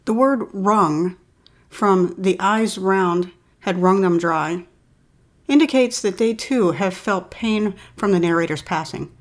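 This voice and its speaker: A woman reading a poem aloud and then explaining it in a calm, measured way, like a literature teacher. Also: lowish voice. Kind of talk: poetry reading and analysis.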